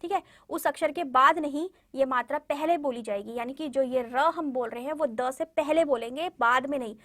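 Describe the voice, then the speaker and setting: In a studio-quality recording with no room sound, a high-pitched, slightly bright female voice speaks at a moderate pace. She teaches young pupils, patiently repeating words for them to echo and regularly checking in with "ठीक है" and other fillers.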